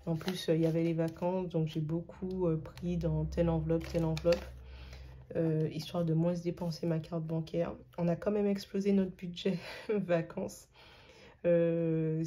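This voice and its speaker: A woman's voice: on the low side, warm tone, slight background noise. A woman from Martinique with a Martinican French accent, chatting casually to camera as a budgeting vlogger and thinking aloud with frequent fillers.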